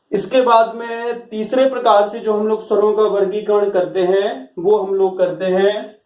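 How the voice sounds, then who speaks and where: High-voiced male teacher in an echoey room. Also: darkish tone. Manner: patient explaining, checks understanding often. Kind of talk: classroom lecture on grammar. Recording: roomy echo, voice from far off.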